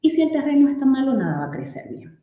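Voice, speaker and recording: A woman's voice: high voice, big pitch swings, quick pace, warm tone, reverberant, muffled recording. A woman doctor from Venezuela gives a clinical lecture to colleagues. She explains things step by step and works through patient cases. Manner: explanatory, addressing colleagues with case examples. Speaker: aesthetic medicine doctor giving a webinar talk.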